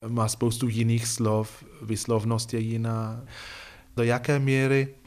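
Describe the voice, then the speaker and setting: A man with an English accent, a native English speaker, asking measured interview questions. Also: medium pitch, level tone, a little mellow.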